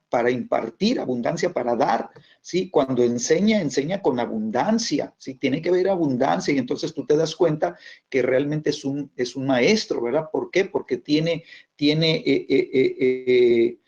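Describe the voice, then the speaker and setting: A man teaching a church class on scripture, halting often with fillers and tag questions. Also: mid-range voice, a little mellow. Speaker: bible teacher. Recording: dull lo-fi recording.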